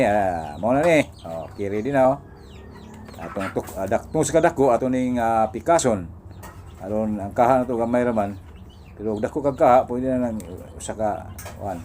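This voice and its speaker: Man, low mellow voice, casual cooking demo, phone held in hand, faint birds and noise behind. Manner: chatty, laughs often, talks while working. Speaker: cooking vlogger. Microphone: phone camera held in one hand.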